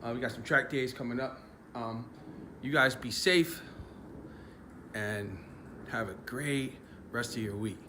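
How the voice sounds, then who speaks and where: A laid-back man with a Philadelphia accent talks casually to his viewers, chatty and loose with his swearing. His voice sits at an ordinary middle pitch. Clear outdoor noise runs behind him. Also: normal speed, pushed and bright. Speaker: car channel host. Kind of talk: casual vlog talk. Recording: noisy outdoor ambience.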